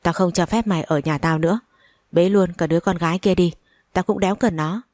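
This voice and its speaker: A woman voicing a harsh, foul-mouthed older mother-in-law who hurls insults, in a low voice. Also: fairly quick, no echo, clean studio sound, lightly acted. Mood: furious. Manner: shouting insults.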